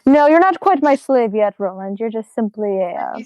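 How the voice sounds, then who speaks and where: A woman's voice: fairly high pitch, lively intonation, normal speed, darkish tone, clean tone, no room sound, poor audio. A woman playing a tabletop game, joking and sarcastic in casual banter. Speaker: player.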